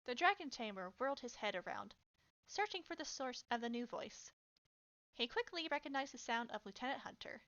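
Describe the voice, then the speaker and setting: A woman reading her own fanfiction aloud in a steady storytelling narration. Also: fairly high pitch, fairly quick, lo-fi sound. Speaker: fanfiction reader.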